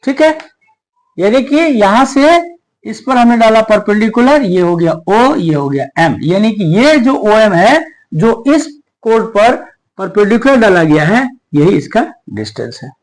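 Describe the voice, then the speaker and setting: A man with a high voice teaches a maths class. His pitch rises and falls a lot as he explains. He keeps checking whether his students follow him. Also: big pitch swings, unhurried, low-quality recording. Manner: explains step by step, asks the class questions. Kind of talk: whiteboard maths lesson.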